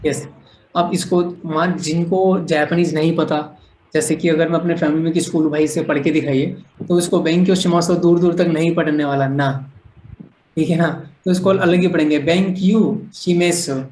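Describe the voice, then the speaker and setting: A man's voice: on the high side, fairly even intonation, moderate pace, a little mellow, roomy sound, a little hiss or hum, low-quality recording. A man teaching a language class online, explaining patiently, often checking that students follow, and mixing English phrases into his talk.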